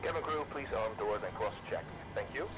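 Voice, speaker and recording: A man plays an airline captain on the cabin PA. He delivers a formal, scripted airport-style announcement at a rapid pace, addressing passengers calmly. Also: lowish voice, over music, natural voice, rough recording.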